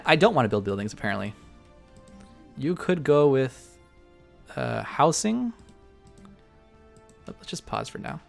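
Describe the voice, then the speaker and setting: A man live-streaming a strategy game, thinking out loud in a rambling, filler-heavy way. His voice sits at an ordinary middle pitch for a man. Faint music plays underneath. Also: vocal fry. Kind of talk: casual live-stream chat.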